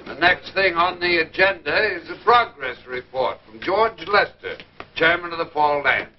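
High-voiced meeting chairman played by an actor. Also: lively intonation, moderate pace, natural voice. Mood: admonishing, official. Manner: formal, admonishing. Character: orderly lodge chairman keeping squabbling men in line. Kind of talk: mid-century American radio comedy acting. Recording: dull, noisy vintage radio recording.

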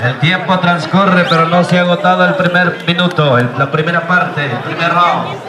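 A man's voice: on the high side, steady tone, normal speed. A Mexican man working as a ring announcer in lucha libre style, calling the action live with showman catchphrases and rallying the crowd for applause. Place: outdoor rodeo ring before a packed crowd. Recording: echoing PA, distant, loud outdoor crowd noise.

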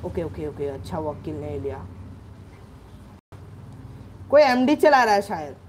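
Male gaming host, high voice, excitable live commentary, yells at teammates, faint background noise. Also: unhurried. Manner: excitable, shouts orders at teammates. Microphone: own microphone.

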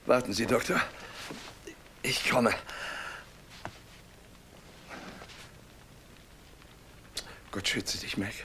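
An actor dubbing a lonely middle-aged man back from an asylum, speaking in a halting, imploring way in a 1930s film drama. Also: mid-range voice, steady tone, sharp tone, a little hiss or hum. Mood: quiet.

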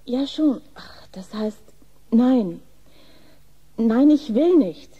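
An actress playing a shy, flustered young nurse, hesitant and polite, with a soft breathy voice in a German horror radio play. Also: female voice, on the high side, expressive, moderate pace, muffled recording.

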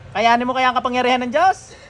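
Stern healer chanting spells. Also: male voice, fast, fairly bright tone, slight background noise. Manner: stern, interrogating, chants in low murmurs. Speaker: faith healer. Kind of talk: chanting healing ritual. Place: healing session in a home.

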